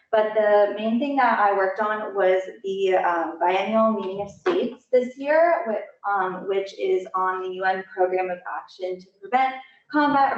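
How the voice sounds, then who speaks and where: A young woman student calmly explaining her internship work. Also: medium pitch. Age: young adult. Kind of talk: presentation. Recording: echoey, distant, dull lo-fi sound.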